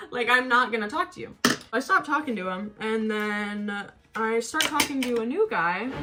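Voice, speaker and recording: A woman in her twenties chatting casually and candidly to viewers in a slangy, gossipy get-ready-with-me storytime. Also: mid-range voice. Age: 20s. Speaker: vlogger.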